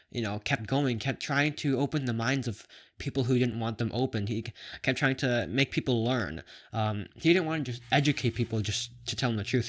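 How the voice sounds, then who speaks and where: A young man from Canada talking casually to camera, with a lisp and whistling s, rambling and often correcting himself. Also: mid-range voice. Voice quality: lisp with whistling s from plastic braces. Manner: rambling, halting, self-correcting. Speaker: video blogger.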